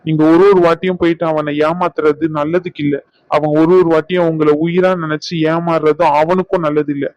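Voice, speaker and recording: A man voicing a blunt, lecturing doctor in an animated drama. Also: on the high side, fairly quick, dry recording, lo-fi sound, close to an everyday voice. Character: adult male doctor giving blunt advice.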